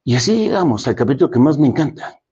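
A man giving a motivational speech, dramatic, swinging between loud emphasis and soft, low lines. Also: sing-song, fast talker, slightly rough. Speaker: motivational speaker. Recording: dull lo-fi recording.

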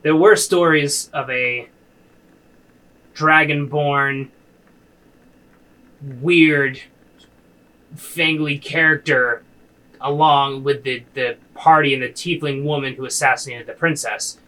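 A man playing a bewildered, indignant dwarven lieutenant in a tabletop game, with halting, protesting delivery. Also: a little high, steady tone, sharp tone, low-quality recording. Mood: confused, doubtful.

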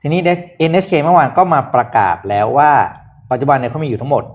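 A man co-hosting a podcast, explaining business news in a casual, lively chat and asking rhetorical questions. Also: medium pitch, fast, highs cut off, a little hiss or hum. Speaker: podcast co-host presenting news.

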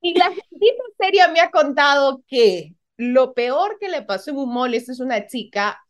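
Bubbly high-voiced woman host. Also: lively intonation. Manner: bubbly, teasing, quick laughs. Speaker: podcast host. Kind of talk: casual chat.

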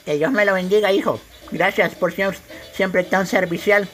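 A woman with a medium-pitched, natural voice speaks at a normal pace with fairly even intonation over soft background music. She plays a loving old grandmother with a Salvadoran accent, doting on her grandson and husband and calling everyone son and dear.

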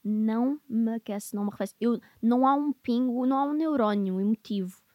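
Lady hosting a podcast, slightly high voice, chatty, drops english words, dry mic. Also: fairly quick, no echo, highs cut off. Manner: chatty and animated, mixing in English phrases. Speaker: podcast host. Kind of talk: casual podcast conversation.

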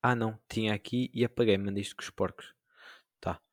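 Animated young Portuguese man, dry sound. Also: lowish voice, brisk, no room sound. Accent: European Portuguese. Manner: animated storytelling, mimics voices, rising into outbursts. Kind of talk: casual chat.

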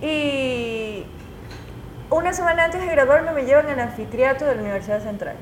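A woman journalist, telling her own stories as an interview guest in an animated, emotional way, full of restarts. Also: high voice, moderate pace, a little hiss or hum. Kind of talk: casual conversational storytelling. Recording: echoey room.

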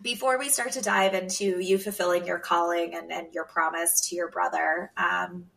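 A woman hosting a podcast, affirming her guest warmly and asking long, rambling questions. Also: on the low side, steady tone, normal speed, gravelly, recorded from a distance. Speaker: podcast host. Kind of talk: warm-hearted podcast interview.

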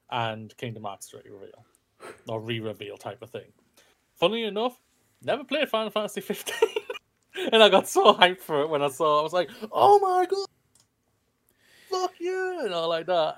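Rambling male podcast co-host. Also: medium pitch. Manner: rambling, addresses listeners as ladies and gentlemen. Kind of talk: casual podcast chat.

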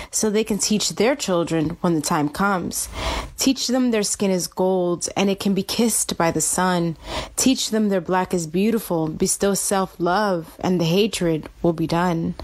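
A woman reciting a rhymed spoken-word poem in a rhythmic cadence, slowing down on the closing lines. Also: lowish voice.

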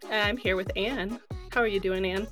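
A woman's voice: mid-range voice, steady tone, brisk, fairly bright tone, faint music behind. A woman hosting a casual podcast chat, an enthusiastic, giggly fan who sounds slightly out of breath after being ill. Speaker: podcast host.

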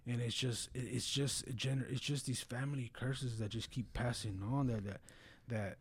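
A man's voice: medium pitch, fairly even intonation, moderate pace, breathy edge. A man talking casually and earnestly about religion in a blunt way, often peppering his speech with slang and filler phrases. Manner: blunt, earnest, frequent "bro" and "you know".

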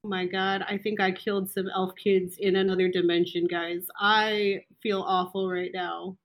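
A woman playing a tabletop game, describing her character's feelings slowly and thoughtfully. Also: medium pitch, level tone, lo-fi sound. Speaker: player.

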